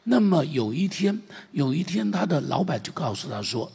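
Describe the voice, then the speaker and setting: Husky, gravelly male preacher in a hall. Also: fairly high pitch, sing-song, normal speed. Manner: emotional retelling with many repeats and swings from loud to hushed. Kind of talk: sermon storytelling. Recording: long hall reverb.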